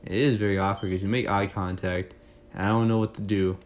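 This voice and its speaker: A man's voice: on the low side, flat delivery, a little fast. A young man telling a casual, jokey story to his viewers, rambling with fillers and asides. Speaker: storytime vlogger.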